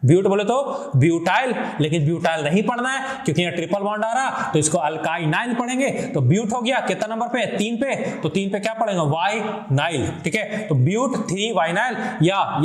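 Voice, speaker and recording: A man's voice: sits high, echoey room. A male chemistry teacher giving a classroom lecture, fondly addressing his students and repeating questions in a call-and-response pattern.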